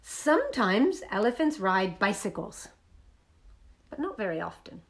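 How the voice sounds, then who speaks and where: Using an animated sing-song voice, a woman leads a toddler group, coaxing the kids through songs and movement games and reading them picture books. She speaks at medium pitch and a measured pace, in an echoey room.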